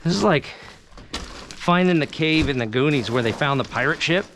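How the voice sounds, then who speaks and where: Guy vlogging deep in a mine, cave echo on his voice, casual and excited. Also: normal speed, a little hiss or hum. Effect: echo of a cave around the voice. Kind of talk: casual narration to viewers. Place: inside an underground mine cave.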